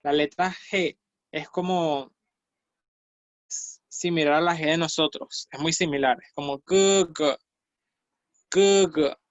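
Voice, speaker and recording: A man teaching an online language class, slowly modeling sounds and repeating each one several times with patient explanations. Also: fairly high pitch, steady tone, a bit bright, dry recording. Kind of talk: online class, slow repeated pronunciation drills.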